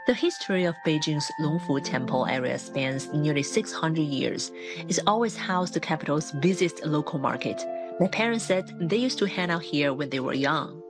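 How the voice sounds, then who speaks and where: Low-voiced woman news reporter. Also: expressive, over music. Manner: measured reporting delivery. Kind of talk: scripted news narration.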